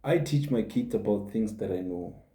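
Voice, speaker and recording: A man's voice: lowish voice, expressive, normal speed, mellow. A man in his forties gives a motivational monologue as a podcast host, earnest and repeating his points for emphasis. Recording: roomy echo.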